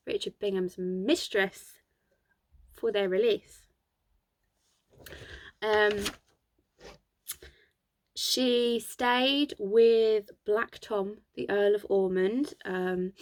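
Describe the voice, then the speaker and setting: Gravelly woman recounting history. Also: medium pitch, darkish tone, dry recording. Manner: chatty, digressive, reading from notes. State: sore throat. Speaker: history channel host. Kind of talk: casual history storytelling from notes.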